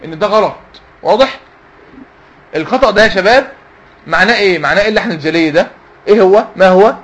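A man's voice: sits high, quick pace, fairly bright tone, muffled recording. A man with an Egyptian Arabic accent teaching Quran recitation to a class of young students, constantly asking them questions and waiting for their answers. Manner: quizzes the class with repeated questions, call and response.

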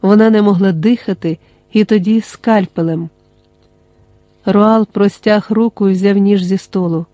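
An audiobook narrator reading a dramatic novel in a measured, dramatic way. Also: mid-range voice, fairly even intonation, dark tone, no room sound.

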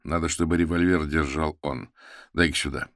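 A man's voice: a bass voice, fairly even intonation, moderate pace, fairly bright tone, no echo, clean studio sound. A man voicing a cold, menacing male ringleader who barks orders in an audiobook. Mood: commanding.

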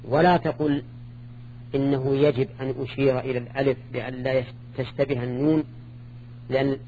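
A man teaching a classroom grammar lesson at a mid pitch, working through each point step by step and stopping to ask his students short questions. The recording is dull and lo-fi, with a faint hum behind him. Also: flat delivery, brisk, a little mellow.

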